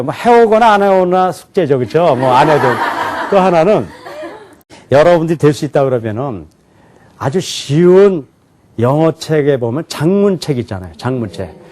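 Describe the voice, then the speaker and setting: A man's voice: a little high, big pitch swings, a little mellow. A man giving a lecture to a class, asking questions and answering them himself, with frequent chuckles. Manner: demonstrates pronunciation slowly and syllable by syllable. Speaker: teacher. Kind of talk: televised lecture.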